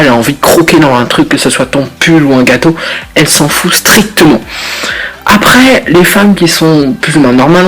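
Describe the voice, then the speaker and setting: A man's voice: fairly high pitch, a bit bright, low-quality recording. A young man from France giving laid-back, rambling commentary with blunt, slangy jokes and lots of fillers. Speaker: YouTuber reacting to statements. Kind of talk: casual crude commentary.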